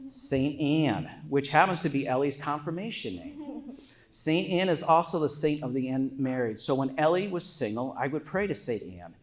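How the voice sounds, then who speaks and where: Middle-aged man, higher-pitched voice, wedding toast. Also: lively intonation, moderate pace. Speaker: father of the bride giving a toast. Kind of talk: wedding speech, prepared with joking asides.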